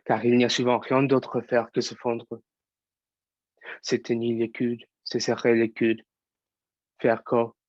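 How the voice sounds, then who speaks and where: A man's voice: medium pitch, monotone, unhurried, long pauses, darkish tone, no room sound, lo-fi sound, lightly acted. A young man, a student actor, performing an impassioned theatre monologue as an angry young actor who fights prejudice. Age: young adult.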